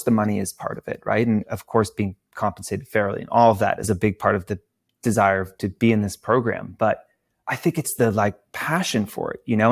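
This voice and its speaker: A company founder from Georgia, USA, with a fairly low voice, talks casually as a podcast guest in a dry, clean studio recording. He tells stories animatedly and acts out quotes.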